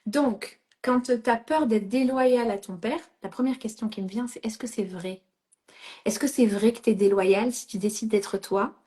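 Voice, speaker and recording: A woman's voice: on the high side, a little slow, mellow. A middle-aged woman coaching a participant in a live session, directive and reassuring, checking in often with "d'accord?" and slipping English phrases into her French.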